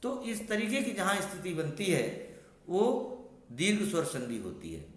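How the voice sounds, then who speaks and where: A man's voice: high-pitched, wildly swooping pitch, a little slow, echoey room. A man teaching a grammar lesson to students. He repeats key points and checks in with short questioning asides.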